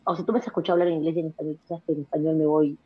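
A young woman talks quickly and energetically, restarting and repeating herself as ideas pile up. Her voice is husky and comes through thin and tinny, as over a phone line. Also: low voice. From Peru. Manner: fast, energetic talker with many restarts and repeated words. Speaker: interview guest. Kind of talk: casual conversational interview.

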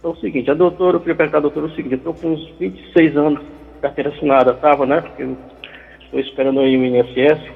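Gravelly, fast-talking man over the phone. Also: a little high, steady tone. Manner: halting, repeats words while explaining. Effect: heard over the phone. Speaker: caller. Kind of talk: call-in question to a radio show. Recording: tinny phone line with long echo.

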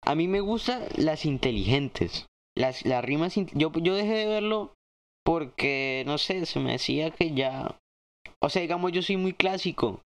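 A young man, co-hosting a casual chat, slangy and excitable, jumping up in pitch when he jokes. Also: measured pace. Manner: slangy, excitable, swings his pitch high when joking. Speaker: podcast co-host.

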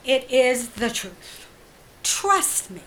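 This actress gives a full character voice to a genteel, coolly cunning woman in an audio drama who fakes sweet innocence, apologizing and explaining in a polite, hesitant, drawn-out manner. Her voice is high-pitched, very animated and fairly bright.

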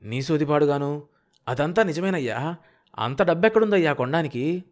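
A man's voice: on the high side, lively intonation, normal speed, a little mellow, voice pushed up, close to an everyday voice. A man doing a wily, irritable village broker. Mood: wary. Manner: irritable, wary and needling. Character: wily, cautious male village broker, middle-aged.

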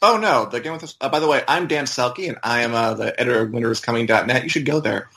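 A man's voice: medium pitch, fast talker, fairly bright tone. A man talking casually as a podcast co-host, in an informal, conversational way. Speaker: website editor and podcast co-host.

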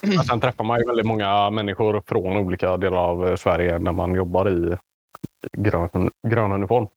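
A man's voice: low-pitched, fairly even intonation, dry recording. A man with a mixed Swedish dialect, largely Gothenburg, chatting casually as a podcast co-host. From Gothenburg, Sweden. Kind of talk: casual chat.

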